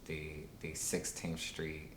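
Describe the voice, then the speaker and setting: A man in his thirties with an extremely low, flat voice answers interview questions in an unhurried, halting way, full of ums and uhs. He is recorded in a roomy space with a steady low rumble behind him. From Washington, D.C. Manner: unhurried, halting, many fillers.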